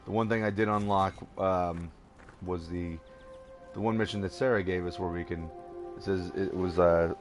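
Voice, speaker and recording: A man's voice: low voice, fairly even intonation, moderate pace, music in the background. A tired man rambling through casual gameplay commentary, chuckling at himself and hesitating often. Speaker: let's play gamer.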